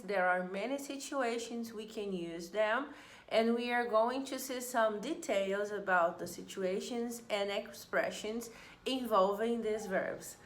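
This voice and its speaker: A woman with a medium-pitched, slightly bright voice teaches an English grammar lesson, patiently repeating example sentences and explaining each. Her classroom delivery is slow and deliberate, recorded in an echoey room.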